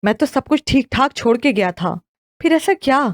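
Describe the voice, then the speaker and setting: A woman doing a lively, caring young man. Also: high-pitched, no echo, clean studio sound. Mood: pleading. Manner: teasing, then anxious questioning.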